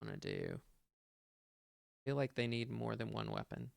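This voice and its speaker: A man's voice: lowish voice, huge pitch swings, measured pace, vocal fry, no room sound, clean studio sound. A man running a tabletop game as game master, hesitant and thinking aloud with many fillers.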